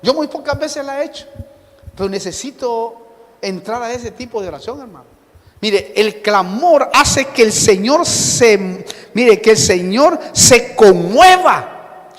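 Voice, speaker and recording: A man with a very high-pitched voice preaches slowly and deliberately, drawing out his words. He keeps calling out to his listeners, and his voice moves from hushed asides to loud cries. A long reverb from a church hall trails behind every phrase. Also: animated. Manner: emphatic, often calls out to the listener; swings between soft asides and loud cries. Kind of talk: sermon.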